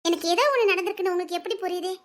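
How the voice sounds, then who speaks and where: A guilt-stricken young wife whose very high, thin voice trembles as she talks. She pleads through tears, and her words keep cracking into nervous, shaky laughs. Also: fairly even intonation, rapid-fire. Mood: remorseful. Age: young adult. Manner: tearful, remorseful, voice breaking into shaky laughs. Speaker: young wife in a drama series. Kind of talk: emotional drama acting.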